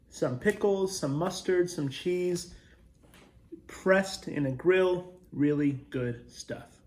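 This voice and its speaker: A man reviewing snacks as a video host, talking casually and chattily with pauses to taste and thoughtful hums. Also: high-pitched, darkish tone.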